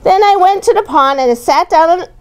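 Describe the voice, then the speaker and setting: Reading a picture book to a young child, a woman speaks briskly in a very high voice. Her delivery is animated and expressive, and she keeps her wording simple for the child, explaining things, repeating often and asking questions as she goes.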